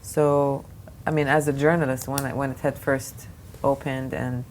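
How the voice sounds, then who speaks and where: In a low-quality recording with faint background noise, a woman from Lebanon speaks as an art fair director in interview. Her voice is extremely low and darkish, with little pitch movement and normal speed, and her considered answers restart often and carry many fillers.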